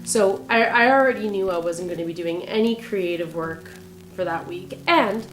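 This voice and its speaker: A woman with a raspy, growly voice from being sick, chatting casually and rambling a bit in a vlog about her writing. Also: lowish voice, normal speed, reverberant. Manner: chatty, rambling, self-correcting. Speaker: author and vlogger.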